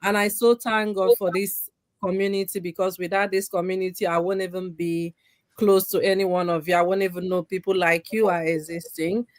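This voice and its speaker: A woman's voice: fairly low pitch, steady tone, brisk, no echo. A woman giving an earnest, tearful personal testimony, often breaking off and restarting her sentences. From Nigeria. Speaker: community member giving a testimony.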